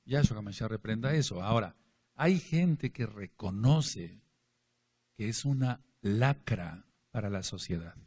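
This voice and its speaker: A man's voice: fairly low pitch, animated, unhurried, a little mellow, breathy edge. A man preaching a Bible study to a congregation, emphatic, repeating key words and speaking to his listeners directly. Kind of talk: sermon-style Bible teaching.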